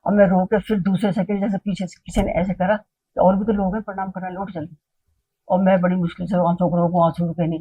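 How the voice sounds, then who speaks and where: Husky woman telling a vivid story. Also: fairly low pitch, narrow, tinny audio. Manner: vivid retelling, acting out quoted dialogue; mixes English phrases into Hindi. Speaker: devotee sharing experiences. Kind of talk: personal storytelling.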